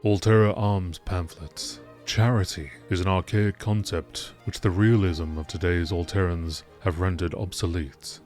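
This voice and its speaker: A man with a deep, darkish voice reads scripted lore texts in the manner of a nature documentary narrator, his phrasing measured and deliberate.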